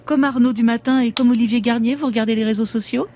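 A woman's voice: fairly high pitch, steady tone, quick pace, warm tone. A woman hosting a conversational radio interview from a studio. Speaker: radio host.

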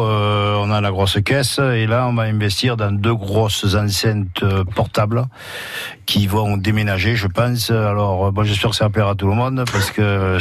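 A man's voice: fairly low pitch, no echo. A man who leads a supporters' group, chatting casually as a radio guest, with small chuckles and filler sounds.

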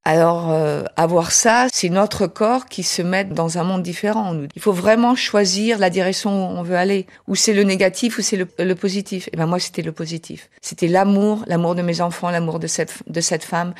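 A middle-aged woman with an American accent speaking French, talking haltingly about her life as a guest in an interview. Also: fairly low pitch, steady tone. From United States. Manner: hesitant, many fillers and restarts. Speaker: guest chef. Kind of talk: personal interview talk.

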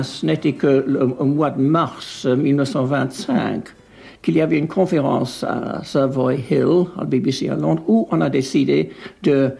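Man, interviewee, hesitant recollection, gravelly and dark. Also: medium pitch. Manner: hesitant, many restarts. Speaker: interviewee recalling the past. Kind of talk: spontaneous recollection.

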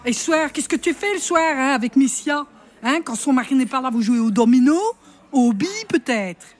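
An actress voicing an ailing, jealous older wife with a Namur-Liège Belgian accent, speaking in reproachful, pleading tones. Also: female voice, high voice, lively intonation, normal speed, voice pushed up. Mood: bitter reproach. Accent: Namur-Liège Belgian put on.

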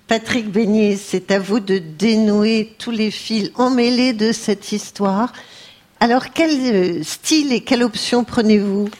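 A woman with a mid-pitched voice hosts a live radio word game in a studio. She hands the floor to each player briskly and with a light, teasing touch. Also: a little mellow. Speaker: radio game show host.

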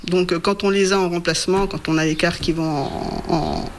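A woman's voice: lowish voice, fairly even intonation, a little fast, a little hiss or hum. A woman in her thirties from Burgundy, a radio listener answering shyly and briefly in a casual interview at home. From Burgundy, France. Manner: shy, hesitant, short answers. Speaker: radio listener being visited.

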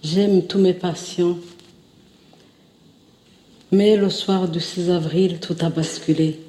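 A woman from Rwanda, giving a measured, solemn stage testimony as a genocide survivor. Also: fairly low pitch, steady tone, dark tone. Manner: slow, measured, declarative. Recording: roomy archive stage recording.

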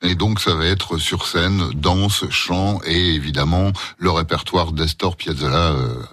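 A male radio host presents an interview in a fairly low voice. His tone has a husky grain, and the sound is dry and close. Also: fairly even intonation, measured pace, fairly bright tone, no echo.

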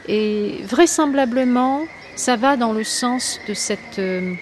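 Her voice is a little high and slow as this interviewed poet and flight attendant speaks reflectively. She hunts for words and repeats phrases for emphasis, and clear ambient noise sits behind her.

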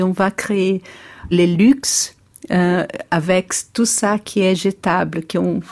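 Brazilian lady, portuguese native, foreign accent in french, interview answers, hunts for words, lowish voice. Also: a little mellow. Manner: searching for words, halting non-native phrasing. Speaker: interview guest, artist.

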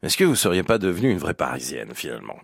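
A man's voice: low voice, wildly swooping pitch, quick pace, creaky, no room sound, clean studio sound. A man interviewing casually on the radio, with a teasing, familiar manner. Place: radio studio, close and dry.

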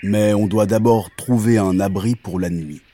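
A man voicing a gentle cow who leads her friends in a children's audio story, calm and humming before she speaks. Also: on the low side, moderate pace, slight background noise, natural voice.

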